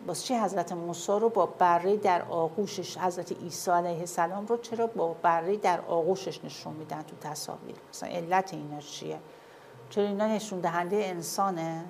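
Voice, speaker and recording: A woman's voice: lowish voice, darkish tone, a little hiss or hum. A woman giving a classroom lecture with slides, often asking her listeners whether they see and follow.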